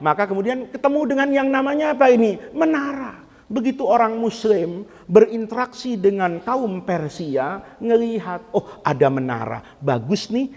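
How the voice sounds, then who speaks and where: A man preaching a sermon, animated and joking, swinging between loud and soft. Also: very high-pitched, big-room sound. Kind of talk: Islamic sermon to a congregation.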